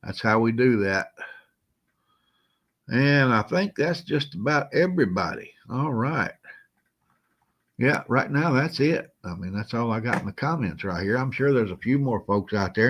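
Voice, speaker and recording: A man hosting a casual live stream, greeting viewers by name in a folksy, chuckling way while feeling a little unwell. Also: mid-range voice. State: feeling unwell, moving slow.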